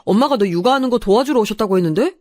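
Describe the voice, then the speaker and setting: A woman's voice: a little high, expressive, racing, dark tone, close to an everyday voice. A woman voicing a young husband who speaks in a casual, offhand manner for a radio drama.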